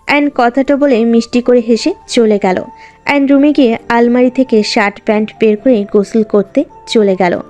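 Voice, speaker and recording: A woman narrating a romantic audio drama story in a steady storytelling voice. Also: on the high side, moderate pace, faint music behind.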